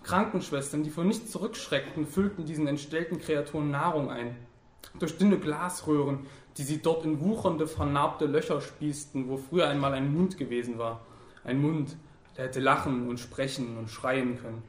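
Male narrator, grave and measured, fairly high voice, echoey room. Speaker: audiobook narrator. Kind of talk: scripted narration.

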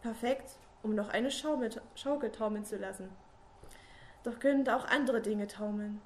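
A woman reading a dark first-person story, slow and solemn, with long pauses. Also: a little high, slight background noise. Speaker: narrator.

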